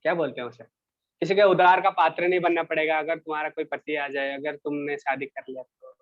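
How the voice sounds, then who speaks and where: Male teacher, high voice, unhurried delivery, dull lo-fi sound, reads a line then explains it. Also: steady tone. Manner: reads English sentences slowly, then explains them in Hindi. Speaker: English teacher. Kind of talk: bilingual class explanation.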